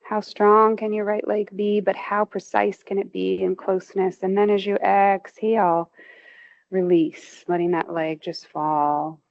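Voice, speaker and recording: A movement instructor guides a muscle relaxation, her slow, soothing cues rising with emphasis whenever she asks for tension. Her medium-pitched voice holds a fairly even intonation and a gravelly fry. The audio sounds somewhat muffled.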